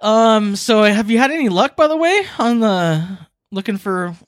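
A man's voice: sits high, animated, unhurried, no echo, studio quality. A man hosting a casual comedic podcast, reading the intro and chatting with friends while laughing often between lines. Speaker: podcast host.

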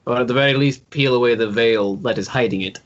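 A man role-playing a calm, noble and determined adventurer in a tabletop game, speaking in a composed, formal, measured way. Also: mid-range voice, highs cut off, natural voice. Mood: calm resolve. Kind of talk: in-character tabletop role-play.

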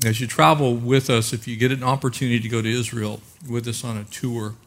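A man's voice: mid-range voice, level tone, brisk, a bit bright. A male pastor preaching a sermon into a pulpit microphone, conversational with frequent filler words, calling out for an amen.

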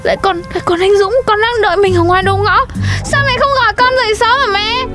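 A woman's voice: extremely high pitch, steady tone, fast talker, music in the background. A woman playing a stubborn teenage schoolgirl who argues back at her mother in a comedy sketch. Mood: panicked. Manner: defiant, whiny arguing.

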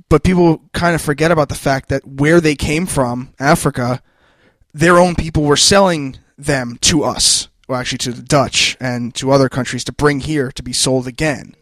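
A man's voice: fairly high pitch, no room sound. Earnest, rambling man on a podcast. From New Jersey. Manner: earnest, rambling, restarts often. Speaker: podcast co-host. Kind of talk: casual chat.

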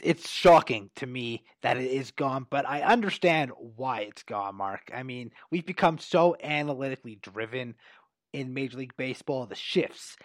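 A man hosting a sports talk show in an upbeat, energetic presenting manner. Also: mid-range voice, no echo. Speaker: host.

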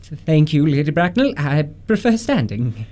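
A man playing an earnest, polite Victorian gentleman in his late twenties in a radio comedy, formal and a little flustered. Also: on the high side, big pitch swings, unhurried. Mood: polite, nervous. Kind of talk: stage-comedy radio acting.

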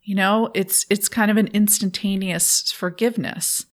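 A woman's voice: medium pitch, steady tone, normal speed. A woman guest speaking thoughtfully in an interview, laughing often while she tells a personal story.

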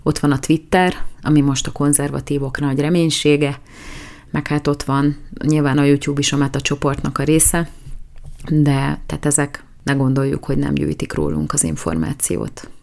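A woman with a notably low voice delivers a current-affairs commentary monologue. She sounds opinionated and conversational, and she restarts phrases as she works out her argument. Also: gravelly, a little mellow. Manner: opinionated, conversational, self-correcting.

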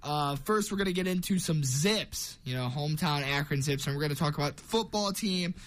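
Young male sports radio host, higher voice. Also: fairly quick, a bit bright. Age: young adult. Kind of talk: casual sports talk hosting. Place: college radio studio.

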